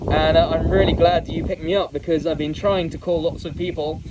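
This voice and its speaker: This video presenter, an amateur radio operator, speaks with a fairly high pitch, little pitch movement, and a slightly fast pace. He casually demonstrates portable radio gear outdoors in open countryside, sounding practical, informal, and a little hesitant. The audio is dull, and wind and noise hit the outdoor microphone.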